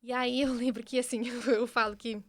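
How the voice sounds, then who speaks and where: A young woman with a Brazilian Portuguese accent, a podcast guest giving an earnest, animated personal testimony with frequent restarts. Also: on the high side, a little fast. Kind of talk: personal testimony in casual conversation.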